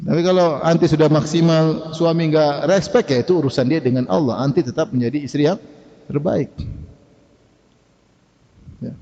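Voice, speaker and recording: A man's voice: on the high side, normal speed, long pauses, warm tone. A male preacher giving a conversational sermon, questioning the audience and laughing now and then. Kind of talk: sermon lecture. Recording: dull reverberant hall recording.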